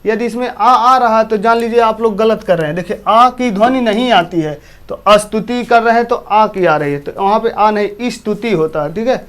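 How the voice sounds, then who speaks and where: Male teacher, eastern Uttar Pradesh accent; high, clean voice; repeats himself and questions the class. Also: normal speed, hardly any pauses, a bit bright. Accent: Hindi, from eastern Uttar Pradesh. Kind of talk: classroom lesson.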